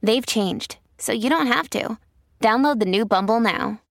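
A woman's voice: fairly high pitch, a little slow, noisy background. A woman reading a scripted advert for a dating app.

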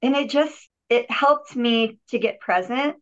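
Fairly high-pitched and a bit bright, this woman speaks at a measured pace through dull lo-fi sound. A healer and yogi guesting on a podcast, she tells her personal healing story in a thoughtful, sincere way, restarting and repeating words often.

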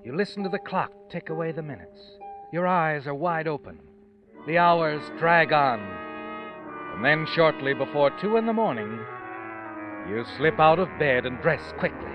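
Heard through a muffled vintage radio recording with music behind, a man narrates an old-time radio thriller, slyly taunting a guilty schemer and addressing the character directly. His voice is a little high and animated at a moderate pace, close to an everyday voice, and the mood is sly and ominous.

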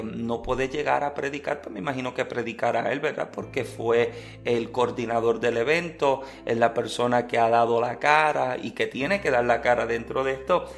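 A man preaching, telling a personal testimony in an earnest, lively storytelling manner. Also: medium pitch, creaky.

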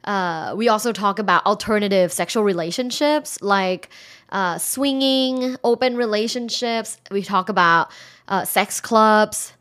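A woman's voice: mid-range voice, measured pace, a bit bright. A woman from Thailand, a sex educator talking frankly and candidly in a casual interview, giggling often and filling her sentences with "like". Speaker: sex educator and college instructor.

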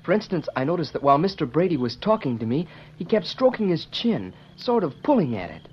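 A man's voice: on the high side, sing-song, a little fast, slight background noise. An actor playing an earnest, polite teenage boy in 1940s radio acting on a dull old broadcast recording.

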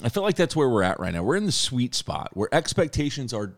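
A man's voice: medium pitch, sing-song, a little fast, no echo. A male podcast co-host who talks eagerly and at length in casual sports chat. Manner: enthusiastic, talkative.

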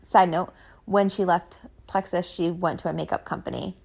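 A woman's voice: lowish voice, steady tone, moderate pace, creaky, a little mellow. A young woman telling her own story in a casual, chatty way, filling it with "like" and frustrated asides.

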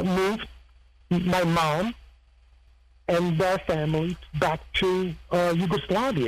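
A man from Serbia recounts his past in a halting, rambling way, often stopping to search for the right words. His voice sits a little higher than most men's, with a faint hiss of noise underneath. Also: poor audio. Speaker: guest, former heist crew member. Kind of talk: casual interview storytelling.

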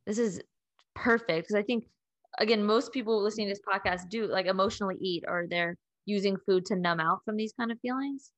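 A woman's voice: medium pitch, fairly quick, fairly bright tone, no echo. A woman hosting a podcast interview, asking curious, rambling follow-up questions and affirming her guest. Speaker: podcast host.

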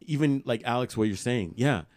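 A man's voice: mid-range voice, normal speed, a little mellow, no room sound. A young man co-hosting a podcast, talking in a heartfelt, emphatic and profane way. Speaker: podcast co-host. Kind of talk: candid podcast chat.

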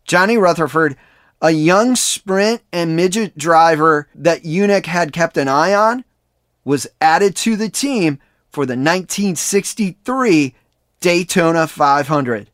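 A man with a somewhat high voice narrates a sports history podcast from a prepared script. He speaks in a measured way. The recording is dry and close. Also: a bit bright, no room sound. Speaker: podcast host.

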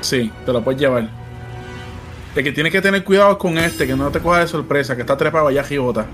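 A man's voice: on the high side, fast talker, fairly bright tone, soft background music. A man with a Puerto Rican accent giving reassuring, casual advice to his teammates during a video game. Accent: Puerto Rican Spanish. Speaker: player advising teammates. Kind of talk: casual gameplay chat.

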